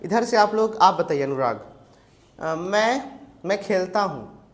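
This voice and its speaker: An Indian man teaching spoken English in a classroom, drilling students with quick questions. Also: high voice, expressive.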